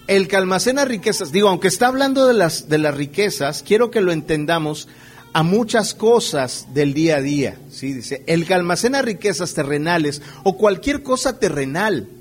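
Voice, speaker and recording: A man preaches in a relaxed, conversational way, often asking his listeners rhetorical questions. His voice sits a little high for a man. A faint hum runs under his words. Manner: checks in with the audience through frequent rhetorical questions; playfully acts out everyday scenes while preaching. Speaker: pastor. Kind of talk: conversational sermon.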